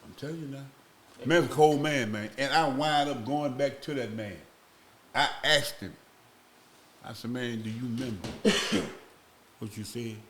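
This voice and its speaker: Man, podcast guest, slow rambling storytelling, casual. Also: mid-range voice, noisy background. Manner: slow, rambling, acts out voices in his stories.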